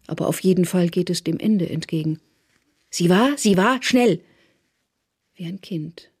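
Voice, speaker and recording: A narrator reading a radio drama in a measured, often hushed, near-whispered voice. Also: medium pitch, husky, dry recording, clean studio sound.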